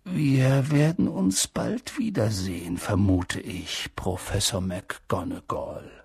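A man voicing a wise, calm old wizard headmaster in an audiobook, speaking in a measured, gentle way. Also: fairly low pitch, creaky, slightly rough, no echo, clean studio sound, heavily acted. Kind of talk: audiobook character voice.

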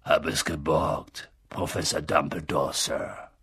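A man voicing a huge, gruff, soft-hearted half-giant in an audiobook, with a deep, rough manner. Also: flat delivery, slow pace, no room sound, studio quality, exaggerated voice. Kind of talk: audiobook character voice.

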